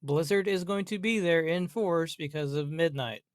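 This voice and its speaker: At a normal speed and in a slightly high voice, a gaming commentator grumbles and swears through an unplanned rant about a video game, repeating himself emphatically and asking rhetorical questions. Studio-quality audio, no room sound.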